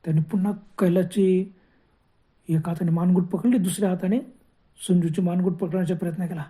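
A man's voice: sits high, steady tone, fairly quick, warm tone. A man telling a horror story in a dramatic way, full of gasping exclamations.

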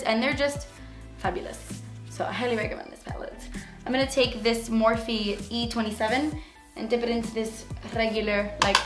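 A woman with a raspy voice today, casually talking through a makeup tutorial in a chatty way full of fillers. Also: a little high, a bit bright, reverberant. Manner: chatty, filler-heavy, frequent "like". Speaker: beauty vlogger.

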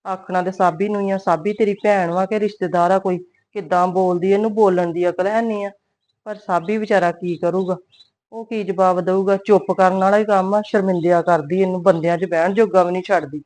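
A woman's voice: on the low side, fairly even intonation, brisk, darkish tone, close to an everyday voice. Woman playing a grumbling, suspicious mother-in-law. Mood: scornful. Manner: mutters scornful asides to herself. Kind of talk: web series drama.

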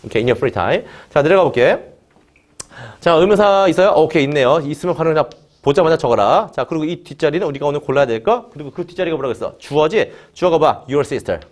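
Korean grammar teacher, prompting questions. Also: male voice, on the high side, lively intonation. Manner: prompts students with repeated "자" and quick questions; drills students, has them repeat after him. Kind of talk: online grammar lesson.

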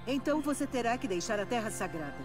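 A woman as a solemn, high-voiced elderly Brazilian matriarch. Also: lively intonation, fast, natural voice. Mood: grave. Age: older. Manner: solemn, reverent. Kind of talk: dubbed video game drama. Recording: loud game music behind.

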